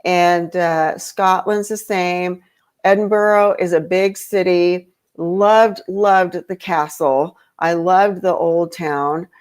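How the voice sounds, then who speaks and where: A woman's voice: lowish voice, steady tone, takes it slowly, clean tone. Woman chatting with many fillers. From grew up in Europe. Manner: rambling, with many fillers and restarts. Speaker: podcast guest. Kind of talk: casual conversation.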